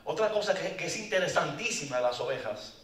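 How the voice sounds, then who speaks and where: A man preaching a lively, joking sermon at a men's conference, often calling out to the audience. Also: a little high, fast. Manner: animated, joking, calls out to the audience. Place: conference hall. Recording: echoey hall, mic far off.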